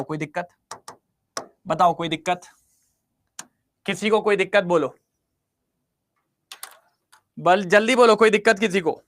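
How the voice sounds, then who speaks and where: A man's voice: high-pitched, a bit bright, a little hiss or hum. A man teaching chemistry in an online class, constantly quizzing his students and coaxing them to answer.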